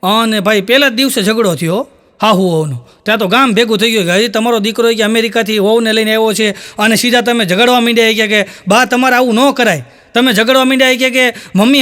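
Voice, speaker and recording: A man's voice: extremely high pitch, fairly even intonation, quick pace, fairly bright tone. A man telling folk jokes, rambling through stories and acting out each quoted voice. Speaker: stand-up comedian. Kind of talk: Gujarati folk comedy storytelling.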